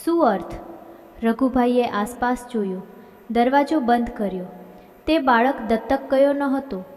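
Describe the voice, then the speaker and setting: A woman reading a dramatic story aloud as narrator, in an even storytelling manner. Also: fairly high pitch. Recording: long hall reverb.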